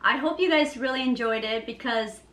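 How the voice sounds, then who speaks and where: High-pitched woman. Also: a little fast, fairly bright tone. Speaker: video host. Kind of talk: casual challenge vlog chat. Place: indoor kitchen at a counter. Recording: echoey room, background noise.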